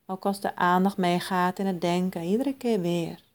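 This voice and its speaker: A woman guiding a mindfulness meditation in a soft, calm, soothing manner with long pauses. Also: on the low side. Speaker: meditation guide.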